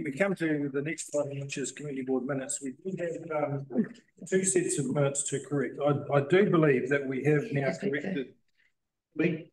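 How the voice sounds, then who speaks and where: A man chairing a community board meeting, working through agenda items in a halting, procedural way. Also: a little high, poor audio. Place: council meeting room.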